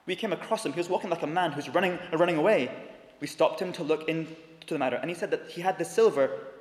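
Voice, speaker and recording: A man's voice: fairly high pitch, quick pace, natural voice. A man voicing a plain-spoken police sergeant in a story read aloud during a sermon. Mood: matter-of-fact. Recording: echoey hall with long reverb.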